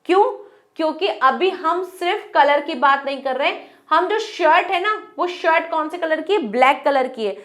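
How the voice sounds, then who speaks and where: A woman with a high, clear voice teaches an online grammar lesson. She explains step by step, putting questions to her students and answering them herself. Example sentences in English are read out slowly and deliberately. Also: expressive, a bit bright.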